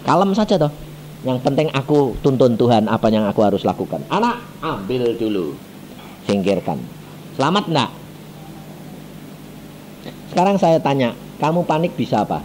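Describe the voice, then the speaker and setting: A man preaching a sermon as an evangelist, telling stories in an animated way, acting out the voices of the people in them and putting questions to the congregation. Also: mid-range voice, normal speed, long pauses, slight background noise. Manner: animated storytelling, acts out quoted voices, asks the congregation questions.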